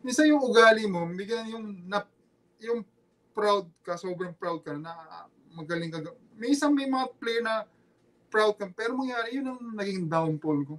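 A middle-aged Filipino man, a former basketball player, talking in an earnest, halting way in a casual interview, often repeating himself. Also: high voice, fairly bright tone. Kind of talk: casual podcast interview, personal testimony.

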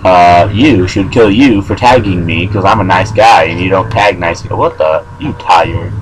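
A young man casually chatting and joking while playing a driving game, excitable, with loud outbursts and swearing. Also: low voice, moderate pace, background noise. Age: young adult. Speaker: gaming video host. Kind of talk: casual gameplay banter.

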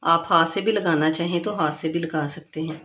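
Calm woman explaining a home recipe. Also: low-pitched, moderate pace, a little hiss or hum. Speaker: cooking channel host. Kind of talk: home cooking instructions. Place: home kitchen, indoors.

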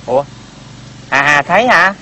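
A man's voice: on the high side, expressive, normal speed, bright, forceful tone, slight background noise. An actor playing a shy young man who stammers and stumbles over his words while proposing marriage, in a stage comedy. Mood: bashful. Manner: stammering, flustered. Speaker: shy suitor. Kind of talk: Vietnamese reformed opera comedy acting.

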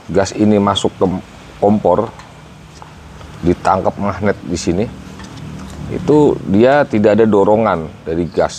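A man's voice: fairly low pitch, darkish tone, slight background noise. A man in his thirties casually reviewing a camping stove outdoors, explaining step by step and calling viewers guys. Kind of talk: casual product review vlog. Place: outdoor patio garden.

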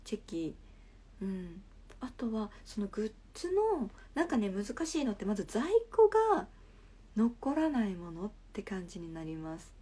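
A young woman hosting a casual live stream, chatting through viewers' comments and often dropping into a soft half-whisper, speaking into a phone. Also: mid-range voice, big pitch swings, normal speed, breathy edge. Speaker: livestream host.

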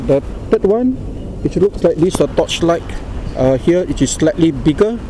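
A middle-aged man with a Singaporean accent gives an informal Singlish product demonstration in halting, deliberate phrases, recorded outdoors on a small camera. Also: fairly high pitch, animated, warm tone. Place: outdoors by a car park and exhibition centre. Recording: noisy outdoor recording with traffic ambience.

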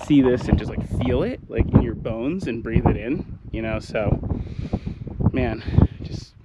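A man's voice: mid-range voice, expressive, measured pace, heavy background noise. A man vlogging casually outdoors on sand dunes, laid-back and chatty, often saying "like", recorded on an action camera. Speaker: travel vlogger. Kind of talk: casual on-camera vlog chat.

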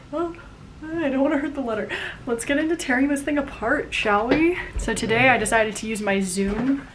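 A young adult woman, a vlogger in a college sorority, chats casually with a bubbly, gushing sorority-girl manner. Her voice is a little high, and the background is noisy.

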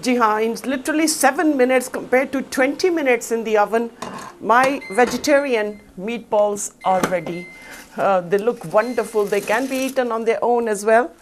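Middle-aged woman doing a cooking demo, chatty and upbeat, fairly high voice, lapel mic in a studio kitchen. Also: normal speed, slight background noise. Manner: chatty, upbeat, explains each step while working. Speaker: cooking show host. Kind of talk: cooking demonstration. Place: studio kitchen set, indoors.

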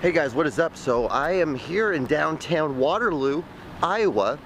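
Walking city streets by a river, a young man from the Midwest chats to the handheld camera at arm's length in a somewhat high, animated voice, a little slowly. He rambles through his casual vlog with jokes at his own expense, over background noise.

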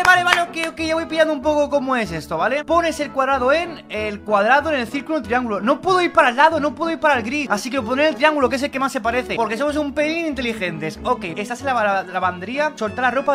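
Young man, gaming commentary, very high voice, loud jokey swearing, faint background music. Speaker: gaming YouTuber. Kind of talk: excitable gameplay commentary.

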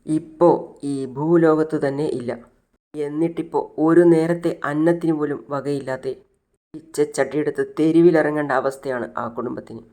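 Cold, lecturing rich woman from a retold serial, as a narrator puts her on. She scolds at an even, measured level and leans on her words to press her point. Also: mid-range voice, lightly acted. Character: stern wealthy woman scolding a bank manager.

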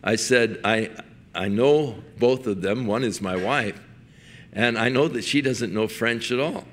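Older man, pastor, sermon, folksy storytelling, bright clear voice. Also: mid-range voice, a little slow, slight background noise. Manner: folksy storytelling with chuckles and restarts.

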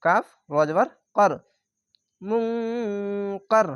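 A man with a Bangladeshi Bengali accent teaching Quran reading, spelling each word letter by letter and then drawling it slowly. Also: high-pitched, no echo, highs cut off. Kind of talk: spelled-out Quran recitation lesson.

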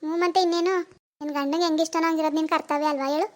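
A woman voicing a caring, middle-aged village mother in an animated cartoon, coaxing and scolding her daughter. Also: high-pitched, rapid-fire, close to an everyday voice.

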